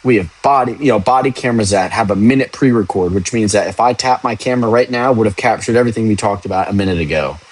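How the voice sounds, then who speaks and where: Speaking fast with hardly any pauses, this young police officer answers viewers in a casual livestream chat. His voice is on the lower side, and he's frank, rambling, and occasionally swearing, all captured in a low-quality recording.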